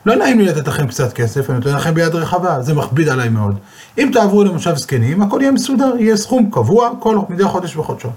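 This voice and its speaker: A man voicing a greedy, demanding grown son in a told story, his voice husky and pushed up high. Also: very animated, darkish tone. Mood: pushy.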